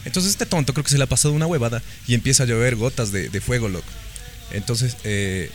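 A man's voice: medium pitch, fast. A young man with an Ecuadorian accent, co-hosting a casual podcast chat, full of slang and tags like "loco". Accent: Ecuadorian Spanish. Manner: slangy, peppers lines with "loco". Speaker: podcast co-host.

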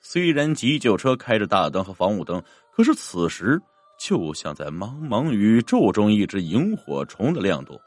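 A man narrating a dramatic story in an expressive, theatrical manner. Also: dry recording. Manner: expressive, swinging pitch.

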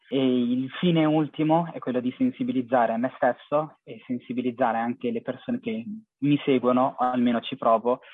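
A young man giving an earnest, halting, reflective personal account as an interview guest. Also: medium pitch, no echo. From half Syrian family. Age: young adult. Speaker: interviewee, charity cycling traveller. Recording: thin phone-like call audio, husky dry sound.

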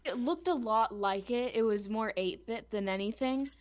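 A woman's voice: fairly high pitch, normal speed. A young woman hosting a casual podcast chat, talking loosely with lots of fillers and restarts. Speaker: podcast host.

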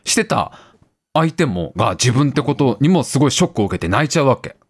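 Lively thirtysomething man telling a film story. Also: mid-range voice, fast, husky, no echo, clean studio sound. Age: 30s. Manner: animated storyteller, acts out lines, laughs often. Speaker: radio show co-host. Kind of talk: casual chat retelling a film with acted quotes.

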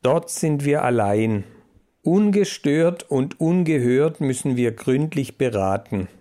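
A man's voice: medium pitch, expressive, slow pace, mellow. Sugary bossy boss mouse, man putting it on, sweet talk that commands. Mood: commanding.

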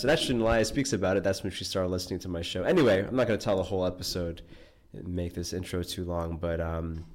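A man's voice: deep voice, darkish tone. A man from New York hosting a podcast, talking in a loose, rambling way with lots of fillers. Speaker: podcast host. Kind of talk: casual podcast conversation.

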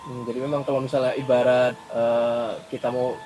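A man's voice: mid-range voice, level tone, moderate pace, darkish tone, a little hiss or hum. A man hosting a casual interview, attentive and summing up his guest's points for the audience. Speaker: host.

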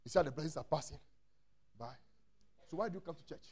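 A man's voice: a little high, fast talker, a little mellow, husky. A man preaching a sermon in a church, emphatic, repeating words and firing off rhetorical questions. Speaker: pastor.

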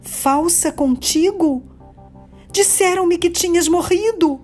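A woman's voice: very high voice, takes it slowly, darkish tone, soft background music, pitched above the performer's own voice. A woman voicing a frightened young woman who cries out in tearful, anguished pleas.

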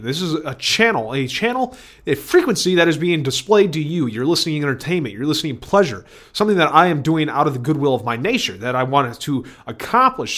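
A man hosting his own broadcast in a rambling stream-of-consciousness monologue, repeating phrases and swinging between loud outbursts and low mumbling. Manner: erratic, swings from shouting to mumbling; repetitive, free-associating, self-questioning. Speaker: solo broadcaster.

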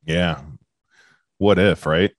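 A young man trading deadpan, sarcastic quips in casual banter. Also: deep voice, takes it slowly, dry recording, studio quality.

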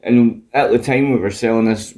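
Man, broad Scottish accent, relaxed dark tone, casual storytelling, colloquial, foul-mouthed. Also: medium pitch, normal speed. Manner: coarse, sweary, colloquial. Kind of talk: casual chat, animated storytelling.

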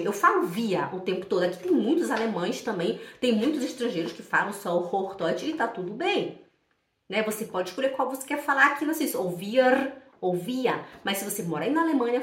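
Woman, language teacher, higher bright voice, explanatory, demonstrates sounds, echoey room. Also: distant mic. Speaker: German teacher. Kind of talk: online language lesson. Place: indoors in Switzerland.

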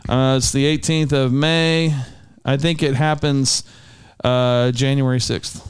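A man's voice: medium pitch, fairly even intonation, takes it slowly, smooth, no echo. Talk show co-host, male, earnest and rambling; clean resonant voice, dead-dry room. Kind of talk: political talk show chat.

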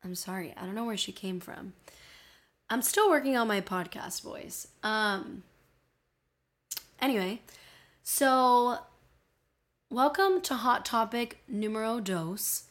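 A woman's voice: mid-range voice, fairly bright tone. A woman with a Miami accent hosting a casual solo podcast, talking in an informal, playful and self-deprecating way. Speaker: podcast host.

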